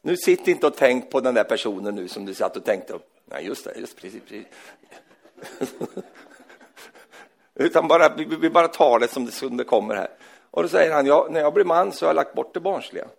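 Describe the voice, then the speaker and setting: A man preaching a sermon, animated, asking "va?" after his points and swinging from loud exclaims to quiet scripture reading. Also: mid-range voice, vocal fry. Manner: tag questions "va?" after points.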